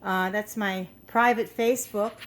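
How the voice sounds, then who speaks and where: A woman's voice: medium pitch, fairly even intonation, measured pace, a bit bright, a little hiss or hum. A middle-aged woman hosting a craft video from her home, chatting casually with lots of fillers and restarts, a little out of breath. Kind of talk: casual show-and-tell.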